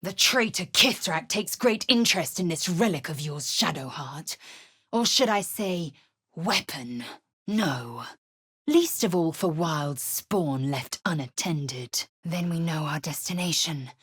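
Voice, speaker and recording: Voicing a proud, stern githyanki warrior woman for a video game, an actress uses a low, slightly rough but fairly bright tone that is animated, slow and heavily acted. The delivery is clipped, commanding, formal and scornful.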